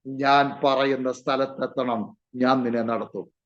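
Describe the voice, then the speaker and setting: A man voicing God as a calm, fatherly presence speaking in a low, hushed tone. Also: a little slow, natural voice. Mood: comforting. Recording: muffled lo-fi recording.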